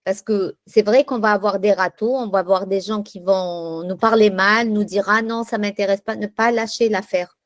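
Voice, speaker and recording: A woman taking part in a casual group training chat, talking in a lively, encouraging way. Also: medium pitch, normal speed, few pauses, dry recording.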